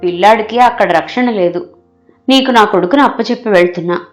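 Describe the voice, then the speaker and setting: A woman's voice: medium pitch, brisk, soft background music, close to an everyday voice. A woman voicing a clever young palace maid who pleads and wails dramatically in a storybook. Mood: pleading. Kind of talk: storybook character voice.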